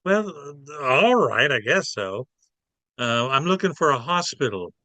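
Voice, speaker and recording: A man voicing Jesus come back to earth, gentle and modest and a little hesitant. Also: medium pitch, big pitch swings, measured pace, no echo. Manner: soft-spoken, modest, hesitant.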